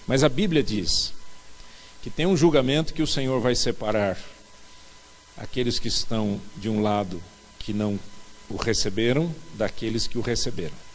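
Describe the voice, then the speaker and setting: A man's voice: fairly low pitch, moderate pace, long pauses, a little hiss or hum, rough recording. A middle-aged Brazilian man preaching a sermon as pastor, telling stories with acted-out dialogue and building emphasis. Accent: Brazilian Portuguese. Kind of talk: sermon to a men's group.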